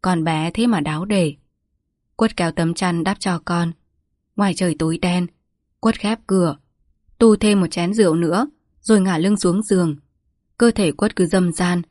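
A woman narrating a village story in a steady, even storytelling manner. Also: lowish voice, moderate pace, pauses often, no room sound, clean studio sound.

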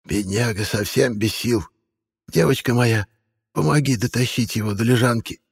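Мужчина изображает старую травницу. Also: male voice, medium pitch, moderate pace, vocal fry, husky, dry recording, clean studio sound, long reverb tail, pitched above the performer's own voice. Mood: fussing. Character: old woman herbalist, fussing and caring. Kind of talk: audiobook character voice.

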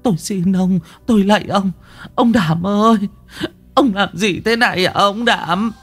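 A man's voice: a little high, animated, moderate pace, darkish tone, faint music behind, voice pushed up. Guy doing a crying old mom begging her son and husband, voice all over the place. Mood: tearful begging. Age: older. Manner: begging, tearful. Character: pleading old mother, tearful and desperate.

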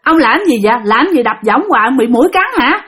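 A woman voicing an irritated middle-aged wife nagging her husband, with a husky voice. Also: fairly high pitch, expressive, fast talker, a bit bright. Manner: nagging, scolding.

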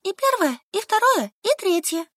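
A woman's voice: extremely high pitch, big pitch swings, normal speed, fairly bright tone, dry recording, studio quality, voice pushed up, heavily acted. A woman voicing a squeamish, easily panicked young female teacher who squeals and pleads, in an audiobook. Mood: panicky. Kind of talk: audiobook character voice.

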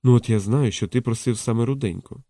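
A man reading a calm, knowing courtesan in a soft, low and hushed voice. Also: brisk, no room sound, studio quality, close to an everyday voice. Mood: teasing. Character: frank, teasing courtesan woman, calm and knowing.

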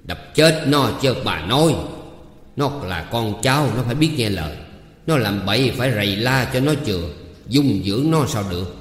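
A man voicing a gruff old head of household who blusters loudly. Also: lowish voice, animated, normal speed, close to an everyday voice. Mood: blustering. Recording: roomy with long reverb.

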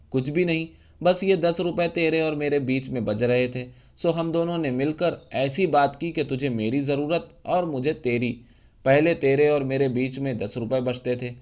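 A fiery young woman from a storybook reading, scornful and mocking. A man acts her out. Her cutting words rise into angry shouts. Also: medium pitch, lightly acted.

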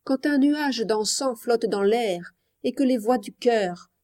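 Mellow-voiced woman narrating solemnly. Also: fairly high pitch. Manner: measured, solemn, expressive. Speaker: audiobook narrator. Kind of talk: scripted narration.

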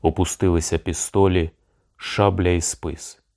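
A man narrating an audiobook with steady storytelling. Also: low-pitched, measured pace. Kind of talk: scripted narration.

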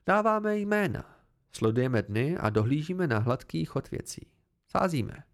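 Give me a man playing a playful warrior woman with a high, amused voice for a storybook. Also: very animated. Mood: teasing. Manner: amused and teasing, raised pitch.

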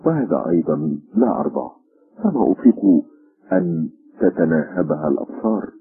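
A man voicing a grieving elderly mother, a painter's widow, speaking in a sorrowful, halting way. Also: low voice, sing-song, slightly rough, narrow, tinny audio, exaggerated voice. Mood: quiet, firm.

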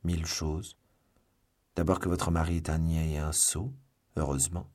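A man's voice: rumbling low, level tone, normal speed, a little mellow. A man voicing a brave, gallant young swordsman in an audiobook. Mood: ardent. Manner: bold, gallant. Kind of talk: audiobook reading.

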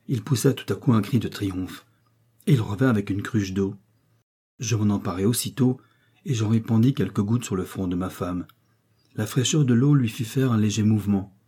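A man reading a novel aloud in a steady, measured first-person narration. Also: on the low side, husky. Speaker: audiobook reader.

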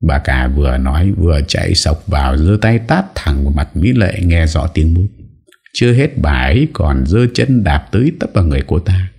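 A man narrating an audiobook story in a steady storytelling manner. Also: sits low, moderate pace, creaky, breathy edge.

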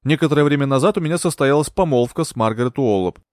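A man playing a young gentleman accused of murder, pleading and indignant. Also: medium pitch, quick pace, dry recording, studio quality, lightly acted.

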